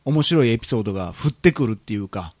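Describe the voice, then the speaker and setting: A man's voice: lowish voice, fast, no echo. A man with a Kansai accent co-hosting a casual podcast chat, telling stories with lots of fillers. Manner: chatty, animated storyteller with frequent fillers. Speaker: podcast co-host.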